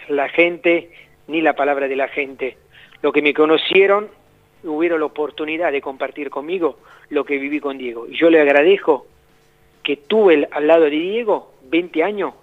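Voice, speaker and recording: A man tells a story over the phone in an animated way. He laughs easily and stumbles over repeated words. His voice sits a little higher than most men's and comes through a dull, narrow phone line. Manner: lively storyteller, quick laughs, many repeats and restarts. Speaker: phone-in guest. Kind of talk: animated anecdote telling. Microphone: phone call.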